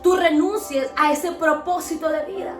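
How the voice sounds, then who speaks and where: A woman's voice: very high voice, fairly even intonation, normal speed. A woman, hosting a podcast and preaching Bible lessons in an earnest, exhorting way full of rhetorical questions. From Colombia. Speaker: podcast host teaching Bible principles. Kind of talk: preaching talk. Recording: echoey, distant mic, faint music behind.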